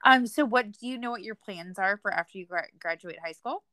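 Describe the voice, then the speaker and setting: American lady podcast host, encouraging, chatty questions, mid pitch, dry sound. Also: a little fast, pushed and bright, no room sound. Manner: encouraging, affirming. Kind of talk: conversational interviewing.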